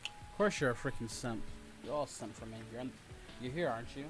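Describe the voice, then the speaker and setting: Speaking a little fast in a mid-range voice, a livestream host and content creator chats casually with his audience. He rambles, teases viewers in slang, and reads and responds to them while music and rain sounds play behind.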